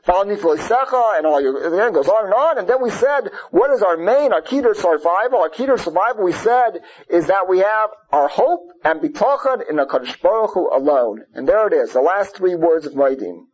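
A man giving an emphatic religious lecture, repeating phrases, asking rhetorical questions and peppering his English with Yiddish and Hebrew terms. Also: sits high. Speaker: religious teacher. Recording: dull lo-fi radio-like sound.

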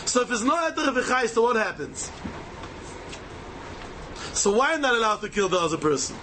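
A high-voiced man with a Yiddish accent teaches a religious text. His delivery swings widely in pitch as he fires off rhetorical questions and hammers key phrases by repeating them. A light wash of noise sits behind him. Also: sing-song, normal speed, pushed and bright. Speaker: Torah teacher. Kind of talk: Talmud lesson, rhetorical questions and answers.

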